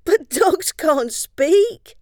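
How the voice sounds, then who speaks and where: Jittery storybook girl, stammering, very high; a woman plays her. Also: animated, extremely slow, mellow, dry recording, studio quality, full character voice. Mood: nervous. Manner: stammering, nervous. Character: nervous, flustered young girl.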